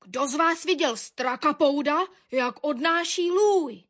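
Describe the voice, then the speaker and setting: A woman doing a gruff old watchdog. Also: high voice, lively intonation, fairly bright tone. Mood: stern. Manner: gruff, stern questioning. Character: stern old male watchdog baron.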